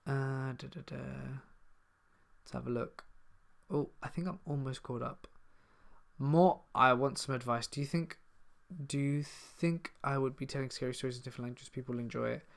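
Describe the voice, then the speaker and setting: Speaking at normal speed with vocal fry, this man has a medium-pitched voice and a southern English accent. He runs a horror story channel and, on a live stream Q&A, reads out viewer comments in a chatty, casual way before replying to them.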